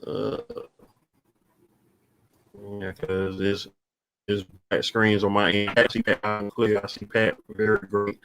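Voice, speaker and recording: Halting, low-voiced livestream host. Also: male voice, completely flat delivery, a bit bright, slight background noise, poor audio. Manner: halting, many fillers and restarts. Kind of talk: casual livestream chat.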